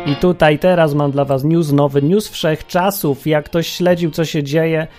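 A man's voice: fairly high pitch, fairly even intonation, a little slow, loud music behind the voice. A man hosting a radio talk show, delivering an opinionated, sarcastic monologue with mocking exclamations.

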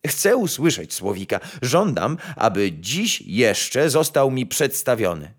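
A man voicing a haughty, commanding emperor in a storybook reading, loud and demanding. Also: medium pitch, sing-song, takes it slowly, slightly rough, full character voice. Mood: imperious. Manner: commanding and imperious.

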